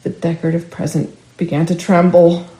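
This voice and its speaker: A woman storyteller reading a family ghost story aloud, expressive and rising with the action. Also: fairly low pitch, fairly quick, roomy sound, rough recording. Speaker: storyteller for a library. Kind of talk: scripted ghost story narration.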